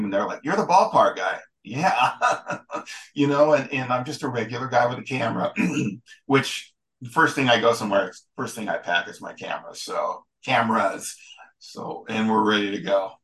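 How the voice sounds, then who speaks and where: A man being interviewed as a guest photographer and historian, talking casually in a rambling, halting way with many restarts. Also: on the low side, a bit bright, low-quality recording.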